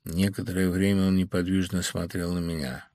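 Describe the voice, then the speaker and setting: A man reading an audiobook in a measured, even storytelling voice on a close studio mic. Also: deep voice, no echo. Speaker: audiobook reader. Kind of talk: audiobook narration.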